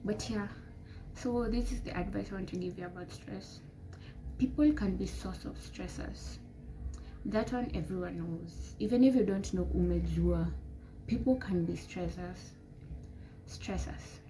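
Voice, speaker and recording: A woman's voice: mid-range voice, unhurried, warm tone. A woman, giving rambling, emphatic advice to camera as a vlogger. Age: 20s. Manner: rambling, emphatic, pep-talk tone. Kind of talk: casual advice talk to camera. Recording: noisy background.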